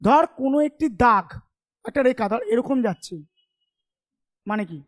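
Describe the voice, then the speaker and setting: A man teaching a relaxed classroom lesson. He chats and teases his students, and keeps stopping to check that they follow along. His delivery is loose and conversational, not read from a script. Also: very high-pitched. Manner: chatty, keeps checking understanding with quick questions; familiar, teasing tone with students. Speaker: commerce tutor. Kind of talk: informal classroom lecture.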